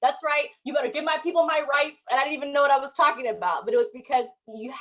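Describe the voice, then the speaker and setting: A young woman from the United States, speaking as a panelist and telling her story in an animated, emphatic way. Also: fairly high pitch. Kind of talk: panel discussion.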